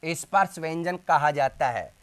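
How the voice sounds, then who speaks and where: A man teaching a Hindi grammar class in a slightly raised voice. He speaks slowly and deliberately, sounding out each letter and often asking the class a question before answering it himself. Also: a little high, a bit bright. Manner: drills sounds slowly, asks and answers his own questions. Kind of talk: classroom lesson.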